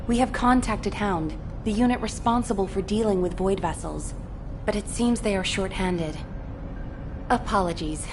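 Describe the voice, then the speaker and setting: A woman voicing a composed, formal female headquarters commander giving a measured mission briefing in a video game. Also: medium pitch, noisy background, close to an everyday voice.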